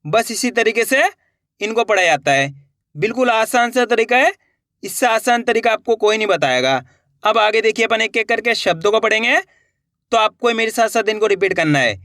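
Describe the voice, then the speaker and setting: High, bright-voiced male reading teacher. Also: expressive, no room sound, studio quality. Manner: slow, drawn-out syllable drills with repeated checks for understanding. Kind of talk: beginner reading lesson.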